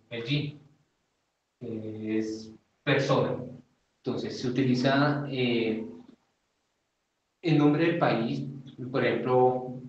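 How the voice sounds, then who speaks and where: Slow, hesitant man teaching. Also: medium pitch, a little mellow, a little hiss or hum. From Colombia. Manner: hesitant, many fillers, slow and deliberate. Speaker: Japanese teacher. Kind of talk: informal language lesson. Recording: far from the mic in an echoey, dull-sounding room.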